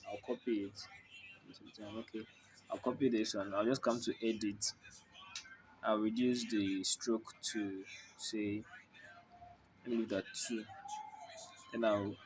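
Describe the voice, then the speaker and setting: Tutor: low, level-voiced man thinking aloud through design steps, music playing behind him. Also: a little hiss or hum, poor audio. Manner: narrates each step plainly while working, thinking aloud. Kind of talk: screen-recorded design tutorial.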